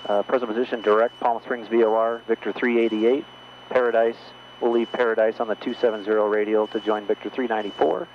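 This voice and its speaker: A man flying a small plane who calmly talks through his checklists and radio calls over a cockpit headset. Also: fairly low pitch, fast. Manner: calm, methodical checklist talk. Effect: pilot talking over a cockpit headset intercom. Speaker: private pilot. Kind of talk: narrating a flight and radioing air traffic control. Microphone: headset mic. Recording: muffled headset audio with faint engine hum.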